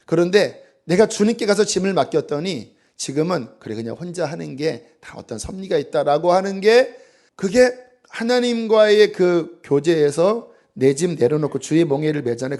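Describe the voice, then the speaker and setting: A male pastor giving an early-morning church sermon, telling stories with lively acted-out quotes and sometimes dropping to a near whisper. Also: fairly high pitch, moderate pace. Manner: animated storytelling, acting out quoted voices, dropping to a hush. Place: church sanctuary.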